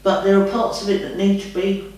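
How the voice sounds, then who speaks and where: Picked up from a distance in a very echoey room, a trance medium chats through a spiritual guidance session. She speaks fairly quickly in a level, slightly mellow, medium-pitched voice, rambling through answers in a homely way and calling the listener "lovey."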